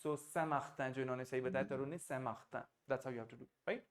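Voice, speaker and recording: A man's voice: medium pitch, fairly even intonation. A man teaching a French class, explaining sounds patiently and mixing Hindi with English. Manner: explains slowly, mixing Hindi and English, coaxes students to repeat. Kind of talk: online class teaching pronunciation.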